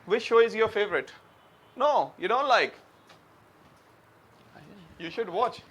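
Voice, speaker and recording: Guy teaching grammar in class, high bright voice, talks slow and quizzes the room. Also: lively intonation. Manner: quizzes students, mixes Hindi and English. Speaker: English teacher.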